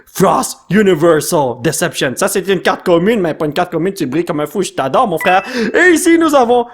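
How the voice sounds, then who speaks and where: A man doing casual unboxing commentary, excitably reading card names and mixing in English slang. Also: high-pitched, fairly quick, faint music behind. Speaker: YouTuber opening card packs.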